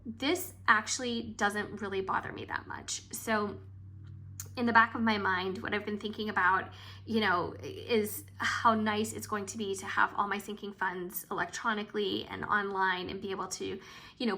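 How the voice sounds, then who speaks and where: A woman vlogger talking casually through her cash budget, a bit hoarse and chatty, with frequent hesitations. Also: mid-range voice, bright, forceful tone. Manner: chatty and hesitant, with frequent ums and trailing asides.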